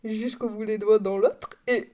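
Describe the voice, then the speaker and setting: A woman's voice: mid-range voice, fairly even intonation, unhurried, warm tone. A young woman from France hosting her own podcast, talking in a rambling, chatty way with frequent laughs and self-corrections at home. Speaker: podcast host. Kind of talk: casual chat. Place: home room.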